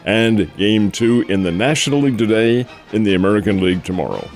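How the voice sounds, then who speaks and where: A man's voice: fairly low pitch, lively intonation, brisk, a little mellow, soft background music. Older man, folksy sports radio talk. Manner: folksy, addresses listeners as folks. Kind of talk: casual sports radio chat.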